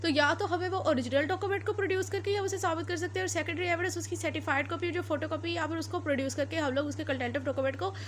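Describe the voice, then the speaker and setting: With a very high voice, she talks fast and barely pauses, over slight background noise. She's a Pakistani-accented woman lecturing on law in a mix of Urdu and English, restating and rephrasing her points along the way.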